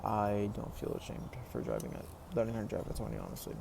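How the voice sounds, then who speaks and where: Young man, 20s, casual vlog monologue, fry in the voice, noisy room tone. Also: fairly low pitch, very animated, fast. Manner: rambling, full of "like" and "you know", restarts. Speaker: vlogger. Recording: noisy background ambience.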